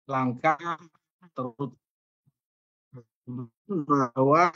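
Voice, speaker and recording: A man's voice: medium pitch, drawn-out words, pushed and bright, no room sound, lo-fi sound. A man giving a formal, hesitant speech at an online government meeting while his call audio keeps cutting out. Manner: formal, hesitant with frequent fillers. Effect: choppy, cutting-out audio over a video call. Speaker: official presenting at a government meeting. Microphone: video call.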